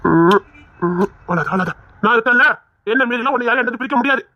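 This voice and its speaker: A woman playing a bold, protective young lover with a Tirunelveli Tamil accent, forceful and commanding, turning hushed and coaxing. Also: a little high, animated, fairly quick, muffled recording, lightly acted. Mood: pleading. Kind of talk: acted romantic drama.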